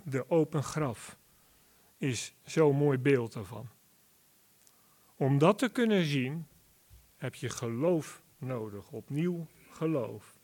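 Male preacher, sermon, unhurried delivery, medium pitch, emphatic rises. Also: animated, a little mellow. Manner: slow, deliberate Bible exposition with emphatic rises.

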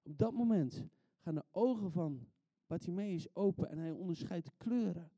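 A man's voice: high voice, moderate pace, warm tone, no echo. A man preaching in a storytelling sermon, vivid and building in intensity, repeating words as he restarts.

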